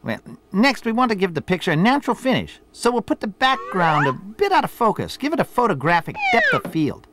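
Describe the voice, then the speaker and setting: A man's voice: sits high, huge pitch swings, fairly quick, hardly any pauses, fairly bright tone, a little hiss or hum, exaggerated voice. An actor playing a boastful, teasing middle-aged boss who instructs his apprentice in scripted promotional dialogue. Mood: bossy. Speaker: boss character in a promo video.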